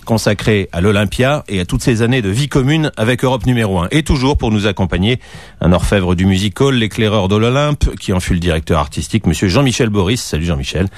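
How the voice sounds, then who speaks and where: A man's voice: on the low side, animated, quick pace, no echo. A man presenting a radio programme from a script in a studio. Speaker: radio host. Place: dry studio.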